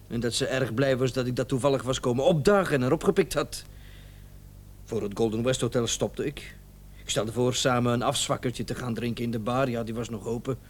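An actor voices a flustered, indignant, evasive male doctor in a radio drama, stammering and repeating himself when agitated. His voice is medium in pitch and lightly acted.

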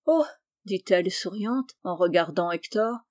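A woman reading a literary story aloud in an even, measured way. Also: medium pitch. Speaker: audiobook reader.

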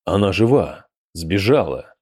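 A wary male mage, as a man reads him, who answers carefully and keeps his voice low. He speaks slowly and quietly, with a mellow, dark tone. He sounds guarded and honest, never showy. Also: big pitch swings, exaggerated voice. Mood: pleading. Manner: low, subdued, measured.

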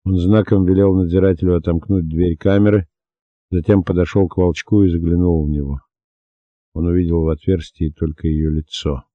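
Deep-voiced male audiobook narrator. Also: steady tone, moderate pace, no room sound. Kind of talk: scripted narration. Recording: dull dry lo-fi recording.

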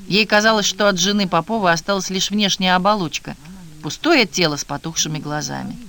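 A man reading a novel aloud in an even, measured narration. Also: sits high, gravelly. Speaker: audiobook narrator. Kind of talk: scripted narration.

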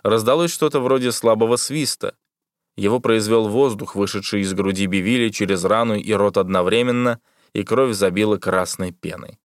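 Man narrating an audiobook, low calm voice, dry close sound. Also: normal speed, no room sound. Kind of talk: scripted narration.

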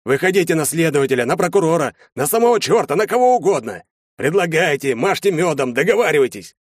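A man's voice: on the high side, lively intonation, quick pace, no room sound, clean studio sound, pitched above the performer's own voice. A man playing a stern, commanding father. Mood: demanding. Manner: commanding, forceful. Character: stern wealthy father, older nobleman.

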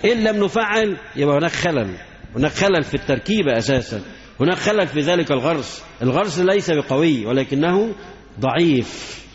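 A man's voice: on the high side, animated, fast. A man with an Egyptian accent giving a religious lecture, repeating himself and asking rhetorical questions. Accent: Egyptian Arabic. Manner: repetitive, asks rhetorical questions. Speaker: Islamic lecturer. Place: lecture hall. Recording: echoey hall, dull lo-fi sound.

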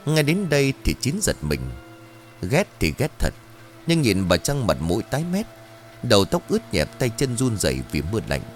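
Guy narrating a ghost story audiobook, lively pitch, dramatic, faint music behind. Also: moderate pace. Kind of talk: scripted horror story narration.

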